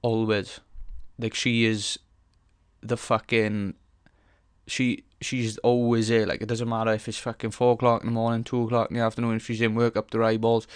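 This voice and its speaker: A man's voice: fairly low pitch, completely flat delivery, normal speed, clean tone, no echo, studio quality. A young man hosting a casual solo podcast, rambling frankly with lots of swearing, fillers and restarts as he thinks aloud. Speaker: podcast host.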